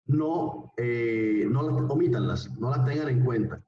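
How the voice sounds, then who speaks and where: A man's voice: medium pitch, a little slow. A male language teacher giving a live online class, speaking patiently, repeating phrases and often checking that students follow. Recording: roomy, distant, dull online-call recording.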